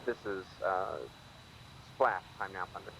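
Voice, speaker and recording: A man working as a ground fire controller, making calm, procedural calls for fire over radio comms. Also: low voice, a little slow, background noise. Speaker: ground fire controller in a military simulation game. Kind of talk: military radio chatter.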